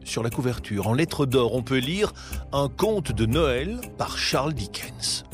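A man narrating a story in a measured, expressive storytelling voice. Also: medium pitch, soft background music.

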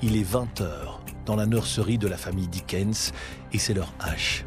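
A man narrating a story in a measured, expressive storytelling voice. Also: fairly low pitch, over music.

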